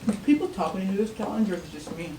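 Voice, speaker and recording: A woman's voice: mid-range voice, racing, noisy background. A woman vlogger chatting casually and teasing her partner during an eating challenge. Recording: echoey room, mic at a distance.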